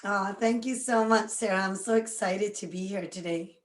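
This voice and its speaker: A woman's voice: mid-range voice, moderate pace, reverberant. A woman around forty from Scotland, a guest chatting with lots of energy and frequent laughs. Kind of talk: casual interview chat.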